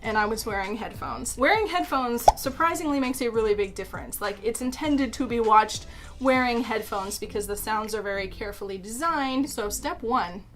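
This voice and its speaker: A woman's voice: fairly high pitch, moderate pace, over music. A young woman, a YouTube creator, chatting casually as she explains something, with frequent "like" fillers and self-deprecating asides.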